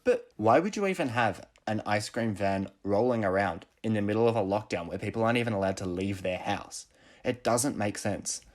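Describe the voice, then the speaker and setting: A man's voice: fairly low pitch, lively intonation, brisk. A young man with an Australian accent co-hosting a podcast, telling stories with mock indignation. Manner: chatty, mock-indignant storytelling. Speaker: podcast co-host. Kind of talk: casual chat.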